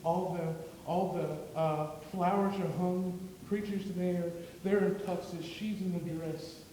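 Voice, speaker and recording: A man's voice: high-pitched, fairly even intonation, slow pace, warm tone. A man delivering a class sermon, telling a story with many fillers and restarts. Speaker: preaching student. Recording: echoey room from far off, faint noise.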